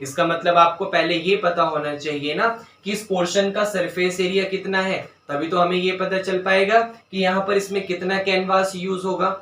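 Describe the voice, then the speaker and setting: Man, maths teacher, step-by-step explanation, slow dictation of terms, echoey room, distant mic. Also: high voice, level tone, fairly bright tone, slight background noise. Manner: explains step by step, often checks understanding; dictates English terms slowly while writing. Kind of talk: board-work maths lesson. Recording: roomy sound, voice away from mic.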